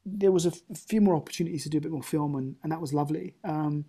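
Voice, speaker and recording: An actor appearing as an interview guest over a remote call tells long, rambling anecdotes full of restarts in casual chat. His voice is fairly high and warm, and he speaks at a racing pace.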